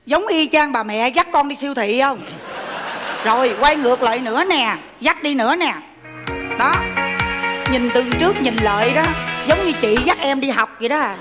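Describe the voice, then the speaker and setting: High, bright-voiced pleading daughter, stage hall reverb, female performer. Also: expressive, moderate pace, music in the background. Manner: pleading, teasing, whiny. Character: whiny grown daughter desperate to marry. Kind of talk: live stage comedy sketch.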